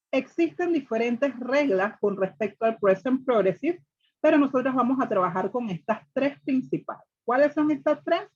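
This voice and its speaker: Husky-voiced woman teaching a class. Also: sits high, highs cut off. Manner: explains step by step, repeats rules, asks the class questions. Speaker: English teacher. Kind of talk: classroom grammar lesson.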